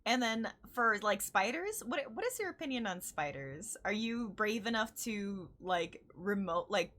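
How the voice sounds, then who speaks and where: Hosting a casual online interview chat, this Chicago woman with a Midwest accent is bubbly, giggly and quick to laugh. Her mid-range voice is very animated and a bit bright, though she never hurries.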